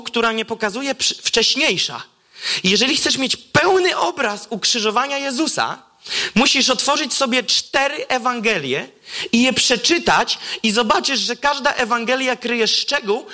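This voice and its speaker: A man preaches a sermon, reading scripture aloud and swinging from excited exclamations to hushed, low emphasis.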